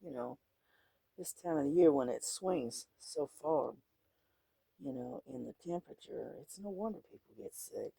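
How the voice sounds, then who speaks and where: A middle-aged man with a wheezy, congested, breathy rasp, chatting casually and haltingly in an unhurried, folksy way while he paints. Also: a little high, lively intonation, dark tone, dry recording, rough recording. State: congested, wheezing, clearing throat often. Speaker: painting vlogger.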